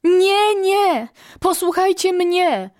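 A woman's voice: high-pitched, lively intonation, normal speed, darkish tone, pitched above the performer's own voice. A woman voicing a bossy, boastful female quail who gives orders in a storybook reading. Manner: commanding, boastful.

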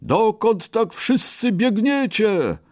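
A huge, lumbering elephant from a storybook, voiced high and slow with alarm, as a man reading the tale puts him on. He drags out his words. The recording is close and dry. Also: sing-song, darkish tone, no echo, full character voice. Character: huge sleepy elephant, frightened.

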